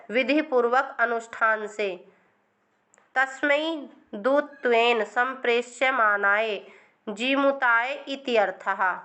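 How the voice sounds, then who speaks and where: A woman's voice: a little high, bright, forceful tone. A woman teaching an online exam-prep Sanskrit lesson, explaining a text word by word and checking that her students follow.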